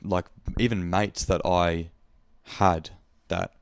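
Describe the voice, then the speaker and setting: A man's voice: low voice, fairly even intonation, takes it slowly, creaky, no echo, clean studio sound. A young man with an Australian accent, hosting a podcast in a casual, rambling monologue, speaking frankly and swearing freely. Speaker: podcast host.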